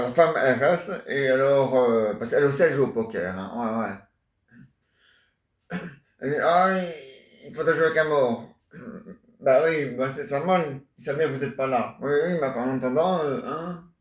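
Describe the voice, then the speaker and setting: Halting, playful man, recorded from afar. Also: mid-range voice, a little mellow. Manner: halting, full of restarts, playful. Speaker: theatre amateur. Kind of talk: retelling and acting out a stage comedy. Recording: roomy sound from a distant mic.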